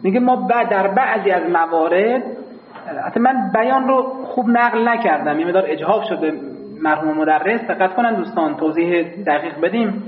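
A man teaching a grammar class, explaining patiently to his students and slowly chanting lines of classical verse. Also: high-pitched, echoey room, long reverb tail, phone-quality sound. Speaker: seminary teacher of Arabic grammar. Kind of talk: classroom lecture.

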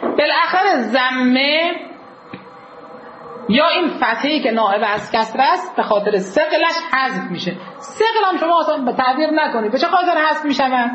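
A man's voice: extremely high pitch, animated, sharp tone, a little hiss or hum. A man teaching a grammar lesson to a class. He asks the students questions, answers them himself, and draws out the key words. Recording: roomy, dull lo-fi classroom recording.

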